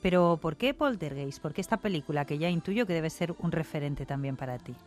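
A woman hosts a radio interview in Spanish, speaking in a slightly low voice. Her manner is warm and playful. Faint film score plays quietly beneath her. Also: expressive, brisk. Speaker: radio host. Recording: soft music playing underneath.

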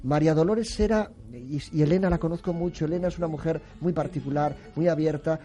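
Earnest man with a mellow voice. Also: on the high side, fast, dull audio. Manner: emotional, earnest. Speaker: radio guest commentator. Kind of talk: casual radio chat.

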